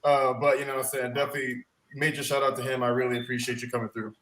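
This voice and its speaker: Fast-talking male co-host, echoey room, faint dog sounds behind. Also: medium pitch. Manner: quick, relaxed slang. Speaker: podcast co-host. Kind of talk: casual chat.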